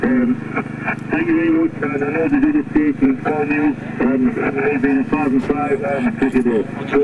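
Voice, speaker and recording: A man on a portable amateur radio set, heard through a receiver with clipping audio that chops in and out. He talks in halting bursts and spells things out with the phonetic alphabet. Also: medium pitch, fairly even intonation. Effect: clipping, chopping radio audio that cuts in and out. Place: outdoors in the field, off the main station. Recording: tinny radio receiver, distant, heavy noise.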